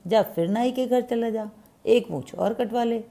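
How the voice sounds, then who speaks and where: A woman doing a brisk, scolding mother mouse. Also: on the high side, creaky, dark tone, pitched above the performer's own voice.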